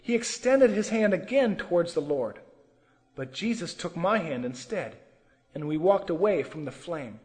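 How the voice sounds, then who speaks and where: A man's voice: on the high side, expressive, moderate pace, darkish tone, big-room sound. A man telling a sermon testimony with earnest, emotional storytelling. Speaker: testimony preacher.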